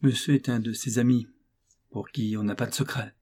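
A composed aristocratic gentleman speaks gravely and evenly in this audiobook, as a man reads him. The voice stays dark and slightly husky, close to the narrator's own. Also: mid-range voice, fairly even intonation, lightly acted. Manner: grave and measured.

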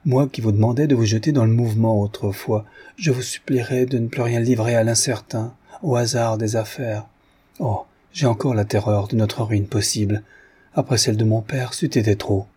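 A man's voice: medium pitch, steady tone, moderate pace, mellow, breathy edge. A man reading aloud and voicing a coquettish, anxious young wife who pleads tenderly with her husband. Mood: pleading. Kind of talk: audiobook reading.

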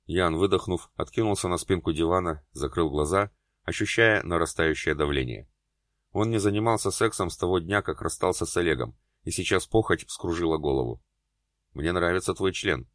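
A man narrating an audiobook in a steady, even reading. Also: low-pitched, brisk, no echo, clean studio sound. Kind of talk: scripted narration.

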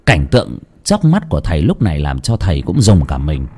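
Husky man telling a ghost story. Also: very deep voice, wildly swooping pitch, brisk, darkish tone. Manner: dramatic, suspenseful storytelling. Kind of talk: village ghost story narration.

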